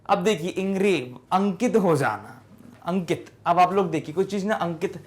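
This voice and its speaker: A man teaching English spelling in a class lesson. He keeps asking his students questions and answers them himself, and he sounds out words slowly, one syllable at a time. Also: sits high, lively intonation.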